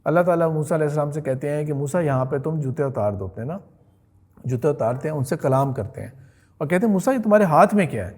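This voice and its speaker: Religious history is the subject of this man's casual, talkative lecture. He has a somewhat high voice for a man, often breaks off to see whether his listeners are with him, and weaves English words into what he says.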